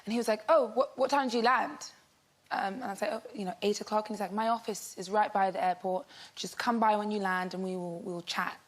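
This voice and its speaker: A woman's voice: medium pitch, fairly even intonation, fast talker. Casting: woman in her thirties, talk show guest, chatty storyteller. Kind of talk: casual anecdote.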